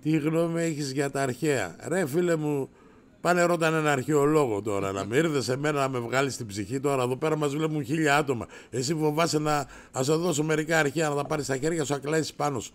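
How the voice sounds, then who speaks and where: A middle-aged man hosting a casual livestream, brash and rowdy, swearing and raising his voice as he answers viewers. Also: fairly high pitch. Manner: raises his voice to shout.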